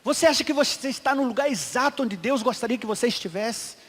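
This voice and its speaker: A middle-aged man preaches a sermon in a church, his voice pitched high. He swings between loud, emphatic calls and quiet, hushed asides, and the hall adds a long reverb to every phrase. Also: quick pace. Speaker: pastor.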